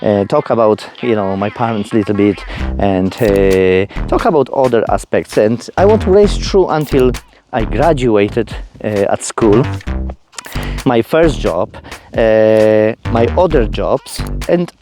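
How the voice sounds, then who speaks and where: Over music, a Polish man with a Polish accent chats casually with viewers on his own vlog channel. His voice is fairly low, expressive and unhurried, and he's effusive, often repeating words for emphasis.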